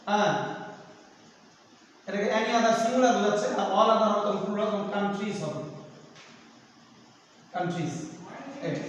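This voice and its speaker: A teacher giving a grammar lesson, explaining step by step and asking questions, then answering them himself. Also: male voice, high voice, a little hiss or hum. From Bangladesh. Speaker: assistant teacher. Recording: echoey room, voice far from the mic.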